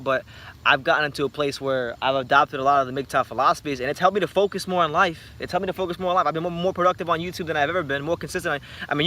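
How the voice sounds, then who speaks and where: A man in his twenties hosting a boxing channel, chatting late at night and answering viewer comments in an animated, rambling way with many restarts. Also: fairly high pitch. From United States. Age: 20s. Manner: animated, rambling, frequent repeated starts. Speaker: YouTube boxing channel host.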